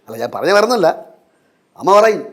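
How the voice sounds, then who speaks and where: In a TV sitcom with faint music in the background, a man acts the part of the family's father, a stubborn, blustering middle-aged type. His voice is high, sing-song and brisk, with a teasing, blustering quality.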